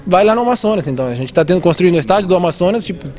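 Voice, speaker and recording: A man's voice: high-pitched, lively intonation, racing, a little mellow. A man raised in Argentina, explaining civic oversight earnestly as an interview guest. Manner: earnest, explanatory, with many restarts and fillers. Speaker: civic watchdog representative. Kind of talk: interview answers.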